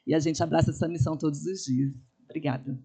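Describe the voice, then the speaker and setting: A woman's voice: deep voice, steady tone, fast, mellow, breathy edge. A woman with a Brazilian accent speaks to colleagues as a public health manager. She delivers an opening address in an informal, spoken style.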